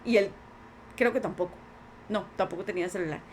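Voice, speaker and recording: Earnest and a little fast, a Costa Rican woman with a mid-range voice gives personal testimony as a podcast guest, quoting and acting out what various people told her. A little hiss or hum sits under the recording.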